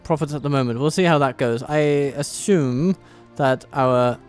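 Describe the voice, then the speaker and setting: A man's voice: mid-range voice, moderate pace, soft background music. A man hosting his show and chatting through a strategy game, thinking aloud with self-deprecating humor. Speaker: host and strategy game player. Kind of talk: casual gameplay commentary.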